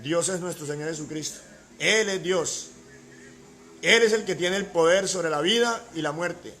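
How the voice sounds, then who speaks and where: A man's voice: on the high side, measured pace, fairly bright tone, slight background noise. A man preaching a sermon as pastor, emphatic, with rhetorical questions and repeated key words.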